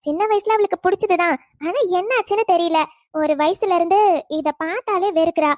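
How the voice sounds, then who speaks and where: A woman voicing a calm, protective middle-aged mother in a cartoon, gently scolding and reasoning. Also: extremely high pitch, a little fast, dry recording, clean studio sound.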